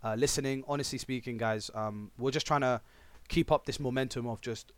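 A man's voice: medium pitch, steady tone, a little fast, no echo. Slangy London roadman-accented young man, dry sound. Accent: London, urban roadman slang. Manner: slangy, joking. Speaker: podcast co-host. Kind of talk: casual banter chat.

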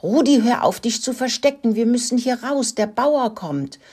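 A woman's voice: a little high, big pitch swings, unhurried, a little mellow, breathy edge, voice pushed up, full character voice. A woman voicing an eager little boy mouse in a children's audio story. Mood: urgent.

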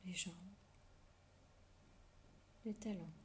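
A woman leads a guided relaxation meditation in a soft, intimate whisper right in your ear, giving slow, soothing instructions with long pauses. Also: fairly low pitch, slight background noise.

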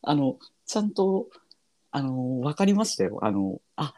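A man's voice: mid-range voice, big pitch swings, a little slow, dark tone, no room sound. A man chatting casually as a podcast guest, humble and polite with mock-formal turns of phrase. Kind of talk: casual chat.

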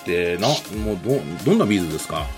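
A man's voice: low-pitched, animated, soft background music. A male podcast host from the Kansai region of Japan, chatty and effusive in a friendly interview. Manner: chatty and effusive, quick reactions.

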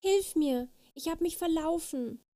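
A woman voicing a naughty little fairy girl in a storybook reading, with high wailing cries. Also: unhurried, warm tone, natural voice. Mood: calling out. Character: naughty little female fairy child, cheeky.

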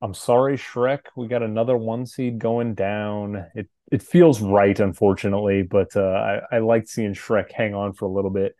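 A man in his thirties co-hosting a podcast, thinking out loud in casual chat. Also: lowish voice, steady tone, moderate pace, few pauses, no echo, clean studio sound. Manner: thoughtful, hesitant, restarts sentences. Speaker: podcast co-host.

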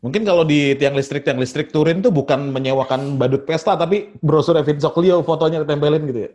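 Male podcast regular, slightly high, playful quizmaster. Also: fairly quick, darkish tone. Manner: joking, teasing, quizzes with clues. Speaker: quiz host among podcast friends. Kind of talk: casual podcast chat.

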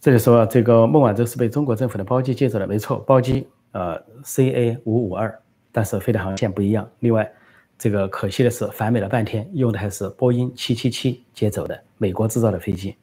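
Low mellow-voiced male commentator. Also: fast talker, breathy edge. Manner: conversational, many fillers. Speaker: political commentator. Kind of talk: political commentary with live Q&A.

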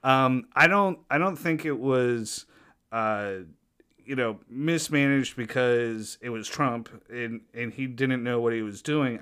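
A man's voice: mid-range voice, a bit bright, clean tone. A man, a flight paramedic guest, talking in a rambling casual way with many fillers. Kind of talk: casual chat.

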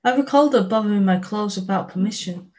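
A woman narrates a first-person audiobook chapter in a steady, measured voice. Her pitch sits at a middling, everyday level for a woman. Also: rough recording.

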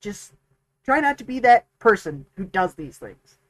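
A man's voice: high-pitched, big pitch swings, unhurried, fairly bright tone, no echo, low-quality recording. A man co-hosting a tabletop gaming podcast, chatting casually and rambling with many restarts and fillers. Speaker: podcast co-host, dungeon master. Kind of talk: casual chat.

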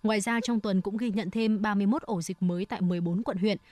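A woman presents scripted radio news. Her delivery is formal and measured, in a medium-pitched voice. The sound is close and dry, with little room in it. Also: fairly even intonation, mellow, no room sound.

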